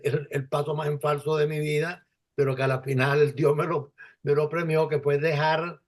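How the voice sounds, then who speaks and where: A man in his seventies with a Venezuelan Spanish accent, a guest in an interview, speaking in a halting, reflective way with many restarts. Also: fairly high pitch. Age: 70s. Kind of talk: conversational interview.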